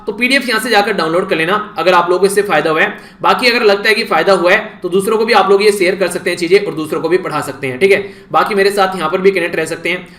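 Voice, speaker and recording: Fast-talking Indian teacher, high voice. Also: male voice, a bit bright, reverberant. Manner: chatty, addresses students directly with "yaar". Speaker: current affairs teacher. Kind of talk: casual Hindi lecture recap.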